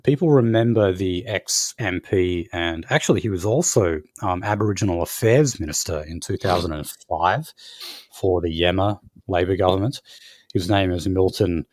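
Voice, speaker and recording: Deep-voiced man, halting news chat. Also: darkish tone, no echo, studio quality. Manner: hesitant, many fillers and restarts. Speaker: podcast co-host. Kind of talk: casual news discussion.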